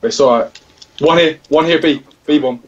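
A young man in team voice chat during an online match, directing his squad with quick repeated callouts. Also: on the high side, breathy edge, highs cut off. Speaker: gamer.

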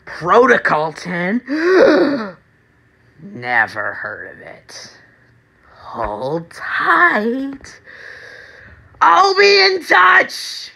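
A woman plays a taunting male villain clown in video game style. The voice is raspy and creaky with a hard, bright edge. The delivery is theatrical and drawn out, relishing every threat. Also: fairly high pitch, huge pitch swings, drawn-out words, long pauses, pitched above the performer's own voice, heavily acted. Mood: mocking. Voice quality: raspy, strained. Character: manic, taunting male comic-book villain clown, the Joker. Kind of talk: amateur audition reading of video game villain lines.

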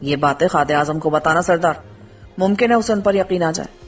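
A gruff, scornful army commander growls his orders low and husky, as a woman narrator puts him on. The sound is dull and comes from away from the mic, with faint music underneath. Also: recorded from a distance.

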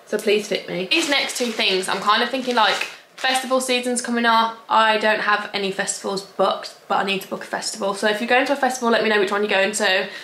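A woman's voice: mid-range voice, steady tone, fast talker, sharp tone. A young woman chatting through a clothing try-on haul vlog, bubbly and gushing with casual slang. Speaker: fashion vlogger. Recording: echoey room, faint hiss.

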